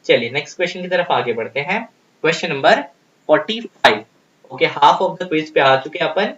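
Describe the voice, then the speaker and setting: A male biology teacher works through exam answers and keeps firing short questions back at his students. His voice sits a little high for a man, and the recording is dull and lo-fi. He repeats key terms again and again and reads the English questions out slowly. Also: animated, a bit bright. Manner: repetitive, quizzing the students with questions. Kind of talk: exam solution walkthrough. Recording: dull lo-fi sound.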